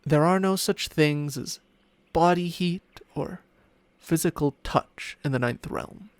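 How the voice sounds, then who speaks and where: Man acting as ancient male dragon familiar, smug, possessive, teasing, unhurried, formal phrasing, ASMR roleplay, close dry microphone. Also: on the high side, clear, resonant tone, dry recording. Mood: wistful, musing. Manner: slow, teasing, condescending, formal archaic phrasing. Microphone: close microphone, spatial ASMR recording.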